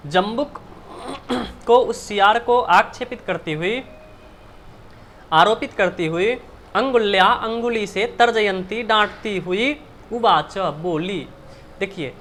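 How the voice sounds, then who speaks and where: Guy teaching a sanskrit lesson, high bright voice, slow and careful, goes word by word. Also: a little hiss or hum. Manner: reads a line then explains word by word; asks the class questions. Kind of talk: Sanskrit lesson explained in Hindi.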